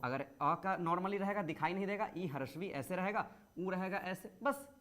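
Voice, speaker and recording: A man's voice: high voice, moderate pace, fairly bright tone. A male teacher giving a grammar lesson to school students. He explains patiently, poses questions and answers them himself, and draws out words to show vowel length.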